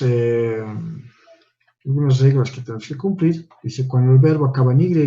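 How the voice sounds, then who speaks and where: A man's voice: mid-range voice, warm tone, dull audio. A male teacher giving a step-by-step classroom lecture, often checking in with his listeners through short tag questions. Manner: explains step by step, tags lines with "¿no?" and "¿ya?".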